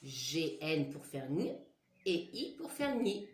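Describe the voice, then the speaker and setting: A woman teaching young children, slowly dictating syllables and words in a classroom lesson. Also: low-pitched, big pitch swings, echoey room. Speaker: primary school teacher. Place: classroom with a board. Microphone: camera mic.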